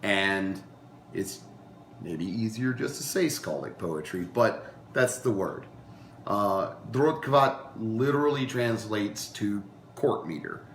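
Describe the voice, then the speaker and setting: Slow-spoken man teaching a class in a roomy space. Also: fairly low pitch, animated, fairly bright tone, slight background noise. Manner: unhurried, frequent ums and uhs, restarts. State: recovering from a cold, coughing. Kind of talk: informal lecture to a class. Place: meeting room with a class.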